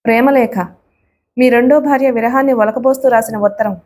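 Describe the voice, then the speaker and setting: A woman's voice: on the high side, steady tone, brisk, a little mellow, lightly acted. A woman voicing a hurt, angry wife who speaks sharply and scornfully to her husband. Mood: bitter. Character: wounded angry wife, bitter and accusing.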